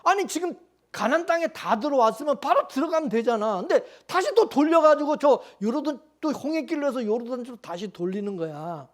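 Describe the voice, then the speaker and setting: A man's voice: very high-pitched, lively intonation, a little fast. A man preaching a sermon as the pastor, in a loose conversational way, constantly throwing questions back at the congregation. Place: church.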